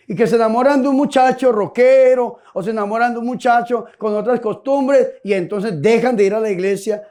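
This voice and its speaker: A man's voice: very high voice, darkish tone. A priest giving a humorous sermon, telling folksy stories and asking his listeners direct questions.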